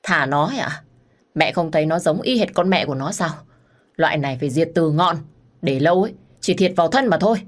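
A woman's voice: sits low, expressive, a little fast. A woman voicing a spiteful, vain young woman who speaks with sneering contempt in a storybook reading.

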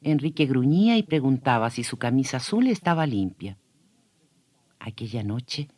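A man telling a scripted children's story on the radio in an expressive way, speaking directly to young listeners. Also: medium pitch, dry recording.

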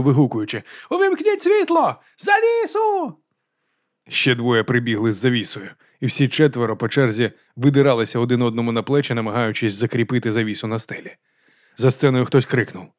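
A man reading a crime thriller aloud as an audiobook narrator, in a measured, even storytelling delivery. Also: mid-range voice, no room sound, studio quality. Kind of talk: scripted narration.

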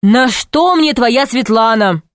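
A woman's voice: fairly high pitch, expressive, slow pace, no echo, studio quality. A woman voicing an impatient, irritable grown man who grumbles curtly in an audiobook story. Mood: gruff. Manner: curt, grumbling.

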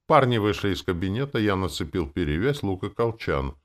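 A man narrating a first-person fantasy audiobook in a wry, expressive way. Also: low voice, brisk.

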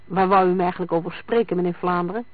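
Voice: medium pitch, steady tone, fast, no echo, lightly acted. A reader voicing a nervous, evasive young petty crook who keeps protesting his innocence. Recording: dry, tinny lo-fi sound.

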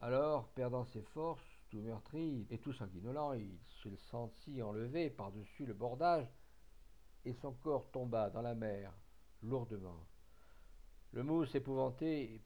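Male audiobook narrator, measured expressive reading, warm dark voice. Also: mid-range voice. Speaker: audiobook reader. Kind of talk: literary narration.

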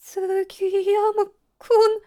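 A woman voicing a frightened young nurse with shrill, shaky outbursts in a storybook reading. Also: level tone, drawn-out words, mellow, full character voice.

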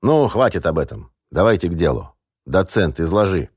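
A swaggering gang boss holds forth with booming self-satisfaction, as a male reader puts him on. The voice sits very low and sounds dry and close. It is a boastful character in an audiobook. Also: sing-song, moderate pace, husky, dry recording, full character voice. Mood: boisterous.

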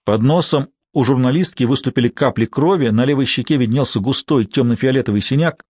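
A man narrating a thriller audiobook in a measured, steady way. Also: medium pitch, husky, no echo.

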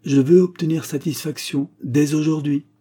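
A man's voice: on the high side, fairly even intonation, moderate pace, mellow, slightly rough, voice pushed up. A man reading the part of a young noblewoman in an audiobook, dignified and dismissive. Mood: coolly dismissive.

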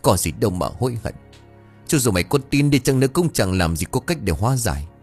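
A man voicing a gruff grieving village uncle. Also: on the low side, big pitch swings, fast talker, a little mellow, faint music behind, exaggerated voice. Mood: mournful. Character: grieving middle-aged rural uncle, gruff.

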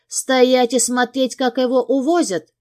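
A woman narrator putting on a young mother in hysterics, sobbing through every line. The voice is pitched high and shrill, loud and frantic. It has a mellow, soft tone that stays warm even at a scream. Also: normal speed. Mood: furious. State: crying. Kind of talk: audiobook character voice.

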